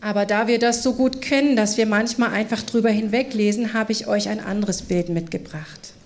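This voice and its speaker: A woman's voice: mid-range voice, fairly even intonation, moderate pace, darkish tone. A woman preaching a sermon at a church service, asking the congregation questions and drawing them into the talk. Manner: engaging, asks the congregation questions.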